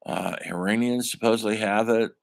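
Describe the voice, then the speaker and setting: A man's voice: fairly low pitch, steady tone, normal speed, gravelly. An older man giving a classroom film lecture in a conversational way, calling his students folks. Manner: conversational, addresses listeners as folks. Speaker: college film instructor.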